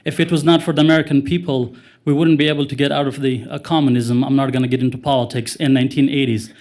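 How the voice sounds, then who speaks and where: A man's voice: mid-range voice, fairly even intonation, fast talker, darkish tone. Earnest man. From Afghanistan. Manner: earnest, grammar slips, fervent. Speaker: former interpreter speaking to council. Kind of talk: public remarks at a council meeting.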